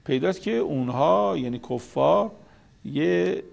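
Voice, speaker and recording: Gravelly-voiced man teaching scripture. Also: a little high, lively intonation, a little mellow. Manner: explanatory, repeats key words. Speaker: Quran commentator. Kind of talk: religious lecture.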